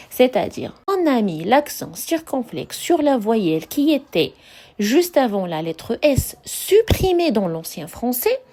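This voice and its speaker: A woman teaching a French grammar lesson, slowly spelling out examples and repeating key words with emphasis. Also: fairly high pitch, a little mellow. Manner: slow, deliberate, repeats and stresses example words. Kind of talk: classroom-style grammar lesson.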